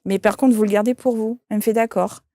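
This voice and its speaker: Woman telling a story, mellow. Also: medium pitch, quick pace, no room sound, clean studio sound. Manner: lively anecdote telling, quoting voices. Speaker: shaman and medium. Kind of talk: interview storytelling.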